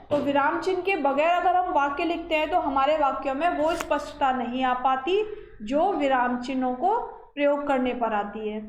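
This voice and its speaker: Woman teacher, high voice, patient step-by-step grammar lecture, frequent check-ins, roomy echo. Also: slight background noise. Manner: explains step by step, often checks in with "है ना" and "ठीक है". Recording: echoey room.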